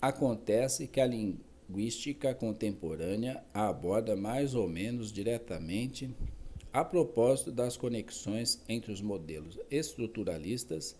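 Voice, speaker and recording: Slow, dark-voiced man reading aloud. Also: on the low side, expressive, a little hiss or hum. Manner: slow, careful reading with self-corrections and asides. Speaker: reader. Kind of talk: reading a philosophy text aloud.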